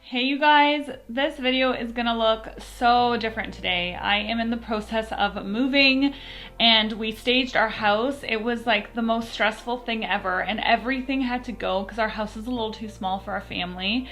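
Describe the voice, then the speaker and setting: A woman's voice: a little high, moderate pace, a bit bright, faint music behind. A woman talking candidly to camera in a casual vlog, recorded as a phone video on the phone's own mic, chatty and full of fillers. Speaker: vlogger. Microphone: phone microphone, no external mic.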